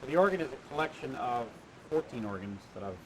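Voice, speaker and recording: A man answering interview questions about the attraction he built, halting with many "uh" fillers and restarts, heard on a worn tape copy. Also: medium pitch, expressive, background noise. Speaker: attraction owner being interviewed.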